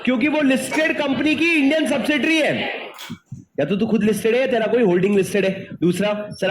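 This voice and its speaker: A man's voice: sits high, a little hiss or hum. A male teacher giving an exam-prep lecture, mixing Hindi and English, who keeps quizzing his students and then answering himself.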